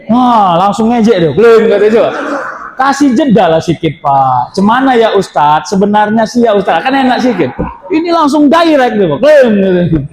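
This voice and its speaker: A male Islamic preacher gives a lively lecture full of stories, questions the audience, acts out quoted voices and sometimes bursts into shouts. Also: very high-pitched. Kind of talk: lively religious lecture with storytelling. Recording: echoey hall with long reverb.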